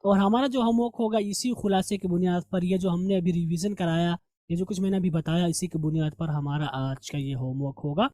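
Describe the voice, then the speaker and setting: A man's voice: sits high, steady tone, a little fast, hardly any pauses, mellow, dry recording. A man teaching English grammar in a recorded revision lesson, explaining step by step and answering his own questions.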